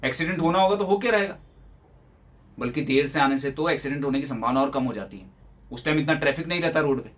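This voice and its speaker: A man playing a put-upon young son who grumbles on and on, in a slightly high voice. He fires off sarcastic rhetorical questions with aggrieved exasperation, in a theatrical stage monologue. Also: quick pace, fairly bright tone, lightly acted. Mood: exasperated. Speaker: actor performing a monologue.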